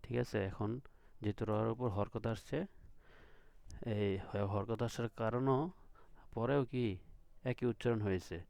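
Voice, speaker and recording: A man's voice: lowish voice, vocal fry, darkish tone, smooth, no echo. Patient man teaching letter sounds. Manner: patient, repeats each sound and checks with questions. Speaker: Quran reading teacher. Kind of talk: recorded lesson.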